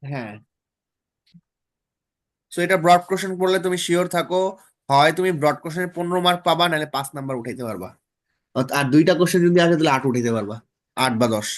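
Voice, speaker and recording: A man's voice: fairly high pitch, fast talker, pauses often. A man tutoring students through exam topics in a casual online lesson, often checking in with them.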